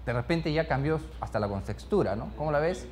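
A man's voice: on the high side, brisk, a little hiss or hum. A man teaching a speed-reading class, asking the group question after question and filling his talk with short tag questions. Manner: animated, questions the group over and over; peppers speech with "¿ya?" and "¿no?". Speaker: speed-reading course instructor. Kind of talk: interactive classroom lesson.

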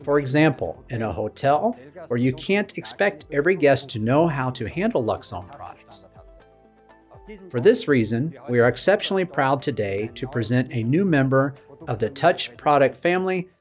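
Male presenter, 30s, polished keynote delivery, mid-pitched voice, light music under. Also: big pitch swings, moderate pace. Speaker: product presenter. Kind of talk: scripted product keynote. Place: studio stage with dark backdrop.

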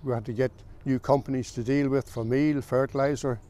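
An older man from the south of Ireland, a farmer recalling his family's history in a plain, unhurried way with small pauses. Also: medium pitch, steady tone, dark tone. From south of Ireland, County Meath. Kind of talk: oral history recollection.

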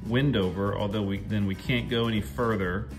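A man's voice: fairly low pitch, steady tone, moderate pace, faint music behind. A man in his thirties making a casual travel vlog, talking to a camera held at arm's length, easygoing and thinking aloud with fillers and restarts. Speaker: travel vlogger. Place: in a car, then outdoors on open prairie. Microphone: handheld camera at arm's length.

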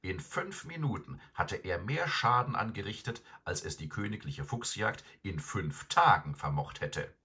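A man narrating a fairy tale audiobook in an expressive, dramatic way. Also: low-pitched, measured pace, few pauses, slightly rough. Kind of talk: scripted storybook narration.

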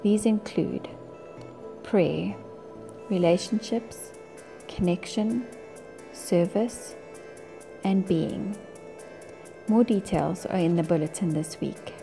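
A woman's voice: fairly low pitch, takes it slowly, gravelly, long pauses, warm tone, faint music behind. A woman with a South African accent reading scripted church announcements.

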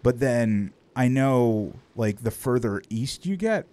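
A man's voice: mid-range voice, animated, takes it slowly, mellow. A man streaming and chatting casually, rambling and swearing offhandedly. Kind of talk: casual chat.

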